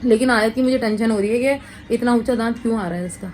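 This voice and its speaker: A woman's voice: a little high, quick pace, a little mellow, soft background music, poor audio. A woman in her thirties, a mother, chatting casually to the camera about her day. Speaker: vlogger, mother. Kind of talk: casual home vlog chat.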